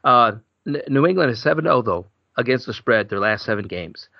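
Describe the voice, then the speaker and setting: Gravelly podcast host, dry lo-fi. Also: male voice, mid-range voice, animated, dry recording. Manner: chatty, rambling, quick laughs. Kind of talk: casual sports betting chat. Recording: dull lo-fi dry sound.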